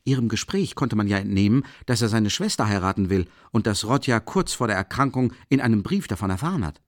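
A man voicing an earnest, excitable young male friend who talks quickly and anxiously. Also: fairly low pitch, no echo, studio quality, lightly acted. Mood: agitated.

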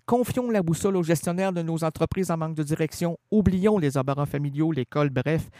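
A man's voice: a little high, mellow, long reverb tail. A man with a Québécois accent hosting a community radio show, joking in an absurd, playful way with mock ads and scripted readings. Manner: playful, absurd, jumps between silly bits and a reading voice. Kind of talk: zany radio banter and mock classified ads. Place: radio studio.

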